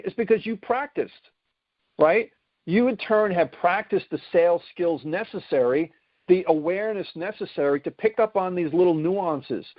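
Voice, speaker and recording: A male sales coach delivers a motivational lesson, leaning hard on his points and checking in with "right?" and "okay?". His voice sits a little high. The recording is dry and somewhat dull and lo-fi. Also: dry recording.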